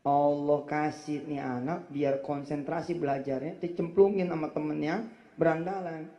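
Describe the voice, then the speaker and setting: A man giving a lively, jokey sermon in slangy talk, acting out the people he quotes. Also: fairly high pitch, moderate pace. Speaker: preacher. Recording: roomy, dull lo-fi recording.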